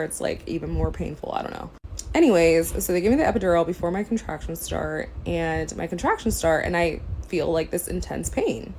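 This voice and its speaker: A young woman from the United States tells a personal story straight to camera in a casual vlog. Her voice sits on the low side, and she acts out each exchange with bursts of high, loud exasperation. A faint hum of room ambience sits behind her. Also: rough recording. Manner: animated, acts out quotes with sudden high, loud outbursts. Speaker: vlogger.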